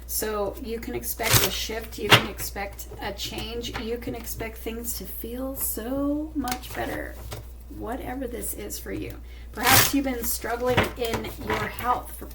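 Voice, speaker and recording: A woman's voice: on the high side, fairly even intonation, measured pace, very noisy. A woman giving a tarot reading straight to the viewer, speaking in a reassuring, emphatic way with repeated phrases. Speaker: tarot reader.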